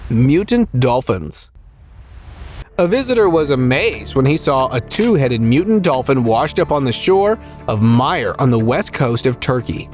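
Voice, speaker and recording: A man's voice: medium pitch, big pitch swings, a little slow, darkish tone, soft background music. A man reading scripted nature documentary narration for a video about strange creatures, as a voice-over.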